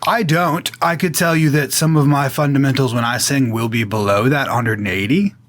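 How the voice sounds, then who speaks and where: Relaxed and casual, a boomy-voiced man appearing as a guest audio engineer talks about mixing audio, frequently stopping to use fillers.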